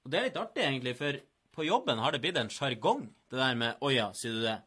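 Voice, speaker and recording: A man's voice: medium pitch, expressive, pushed and bright, slight background noise. A man co-hosting a casual sports talk show, playful and laughing, cursing casually. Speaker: co-host.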